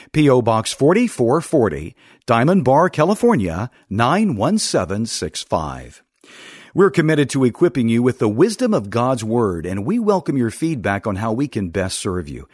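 A male radio announcer delivers scripted, infomercial-style promotional copy. His voice is husky and rides up and down in lively swings. The sound is dry and close, with a polished selling delivery. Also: medium pitch, moderate pace, dry recording.

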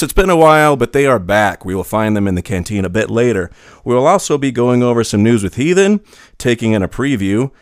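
Male podcast host, animated and joking, dry close sound. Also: on the low side, dry recording. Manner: lively, joking, animated delivery. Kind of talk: scripted podcast intro, then casual chat. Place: small room with friends.

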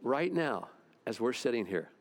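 A man's voice: mid-range voice, big pitch swings, moderate pace, noisy background. A man preaching a sermon at a church service in a conversational way, acting out the voices he quotes. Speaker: pastor.

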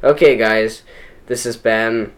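A man's voice: lowish voice, fairly even intonation, slow. A young man in his late teens hosting a casual podcast chat, ranting and talking over the others. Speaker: podcast host.

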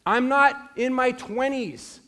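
A man's voice: extremely high pitch, slow pace, a bit bright. A man in his forties, a pastor preaching a sermon in an earnest, emphatic way, repeating his key phrases. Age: 40s.

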